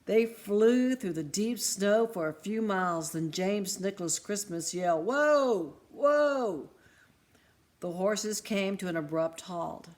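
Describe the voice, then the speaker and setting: A woman reading a storybook aloud in an expressive, lively way. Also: mid-range voice, a little slow, hardly any pauses.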